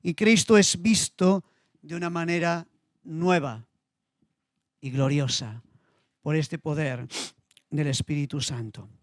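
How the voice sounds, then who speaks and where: A man's voice: on the high side, slow, pauses often, no echo, clean studio sound. A middle-aged man preaching a sermon, telling a personal story with feeling and repeating his phrases. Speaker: pastor.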